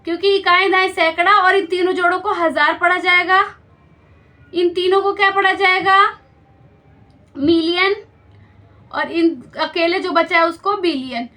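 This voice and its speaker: A woman's voice: very high-pitched, steady tone, measured pace, long pauses, pushed and bright. A woman teaching a school maths lesson step by step, patiently explaining and checking understanding with questions.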